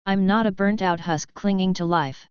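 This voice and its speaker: A woman's voice: medium pitch, normal speed, smooth, no echo, lightly acted. A woman reading a scoffing young Sith man. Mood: wry. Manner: wry, scoffing. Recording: slightly dull, dry recording.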